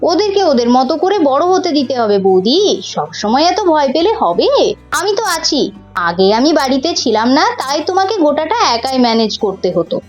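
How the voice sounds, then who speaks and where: A gentle, reassuring young uncle speaks in a lower, steady voice, as a woman puts him on. He soothes a worried sister-in-law and coaxes the children along with patience. The storybook recording sounds slightly muffled, with soft music running underneath. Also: fairly quick. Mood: soothing.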